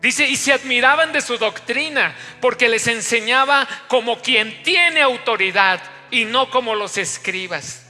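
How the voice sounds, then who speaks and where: A man's voice: very high-pitched, a little slow, hardly any pauses, bright, forceful tone. A man, preaching a sermon as pastor and telling a story straight to the congregation. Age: 50s. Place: church hall. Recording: long church hall reverb, faint music.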